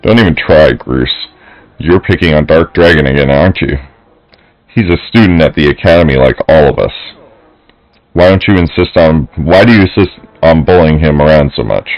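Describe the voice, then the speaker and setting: A man voicing a young female student who quietly scolds a bully in a video game. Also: rumbling low, normal speed, no echo, highs cut off, faint music behind. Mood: reproachful. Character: young woman student defending a friend.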